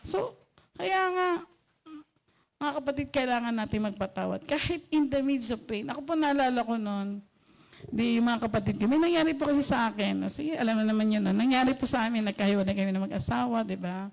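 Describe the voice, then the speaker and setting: High-voiced woman preaching with emphatic questions. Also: fairly quick, creaky, a little mellow. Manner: emphatic, peppered with rhetorical questions. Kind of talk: sermon to a congregation.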